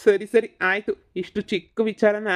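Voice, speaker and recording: A man's voice: high voice, level tone, a little slow. A man voicing a laid-back, teasing male ghost in a cartoon, who calls his friend darling.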